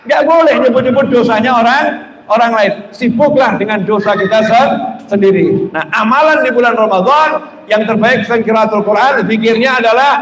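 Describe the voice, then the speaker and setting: Lively preacher man in an echoey hall. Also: extremely high pitch, normal speed. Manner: lively and humorous, acts out chatter with sudden loud bursts. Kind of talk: sermon in a live stream. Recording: echoey hall, faint background noise.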